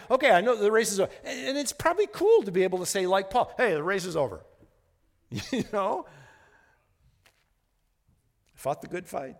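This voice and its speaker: Preaching earnestly, this sixty-something male pastor swings from quiet passages to fervent ones and repeats words frequently. His voice is high, and a long reverb tail trails after it.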